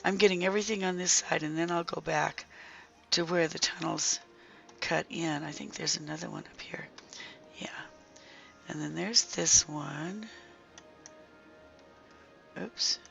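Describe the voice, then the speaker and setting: A gamer with a very gravelly, croaky voice talks through gameplay casually and haltingly. The hoarse throat makes the sound strained and sharp-edged, at times breaking toward a whisper. The recording is slightly dull. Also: mid-range voice. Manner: halting, thinking aloud while working. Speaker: gaming video creator. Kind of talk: casual gameplay walkthrough commentary.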